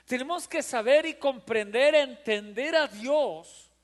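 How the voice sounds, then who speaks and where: A man's voice: very high voice, takes it slowly. A man preaching a sermon as pastor, fervent and repetitive, acting out voices in his stories. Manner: fervent, repeats phrases for emphasis. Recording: long hall reverb.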